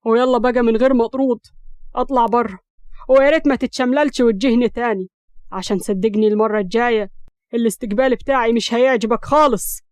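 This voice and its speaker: Storybook role: woman voicing a defiant young Egyptian man, fast, scornful, loud when angry, Egyptian accent. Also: on the high side, steady tone, dry recording, lightly acted. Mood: cold, mocking. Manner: shouting in anger, then cold mockery.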